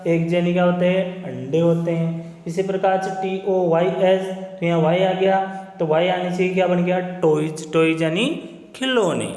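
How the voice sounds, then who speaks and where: Male teacher, high voice, spells words out and quizzes himself, long room reverb. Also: darkish tone. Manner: spells words letter by letter, asks and answers himself. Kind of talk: spoken lesson on English phonics. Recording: roomy echo with long reverb.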